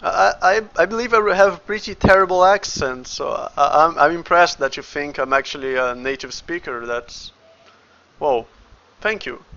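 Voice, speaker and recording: A Brazilian game developer with a Brazilian Portuguese accent chats casually on a livestream, muttering each step of his work to himself as he thinks aloud. His voice is slightly high, creaky, pushed and bright, at a normal speed. The recording sounds muffled.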